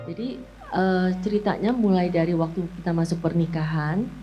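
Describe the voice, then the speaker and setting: A woman's voice: lowish voice, moderate pace, music in the background, poor audio. A woman telling her personal church testimony in casual conversation, often addressing the host as "Pak". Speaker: talk show guest.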